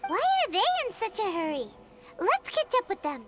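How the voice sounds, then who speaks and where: Paimon, a squeaky little sprite. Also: female voice, wildly swooping pitch, moderate pace, exaggerated voice. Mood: curious. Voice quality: squeaky, childlike. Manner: bouncy and exclamatory. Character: tiny floating girl companion, chirpy and excitable. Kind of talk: game cutscene voice acting. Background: game music.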